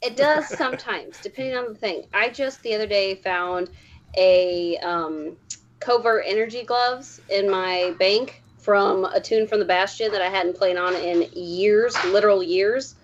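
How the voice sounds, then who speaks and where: A woman of middle pitch chats about gaming as a co-host. She laughs often and acts out her own reactions in quoted asides. The sound is dull and lo-fi, like an online call. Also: unhurried. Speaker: podcast co-host and streamer. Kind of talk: casual gaming chat.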